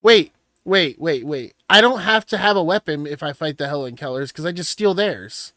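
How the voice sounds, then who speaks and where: Young man, casual banter, loud and profane, slightly high, dry close sound. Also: expressive, brisk, no room sound. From Washington State. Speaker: podcast co-host and streamer.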